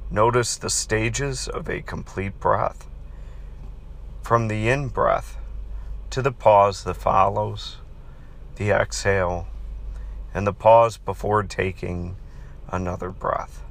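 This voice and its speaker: Slow, low-voiced man with gravelly creak. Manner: calm, soothing, unhurried delivery. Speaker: podcast host and counselor leading guided meditation. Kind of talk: guided meditation, read aloud.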